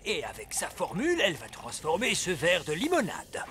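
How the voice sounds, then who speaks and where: A man playing a fussy, wise old elf in a children's cartoon, explaining things in a measured, pedantic way. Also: high voice, wildly swooping pitch, fairly bright tone, slight background noise, exaggerated voice. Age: older. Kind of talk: animated children's cartoon acting.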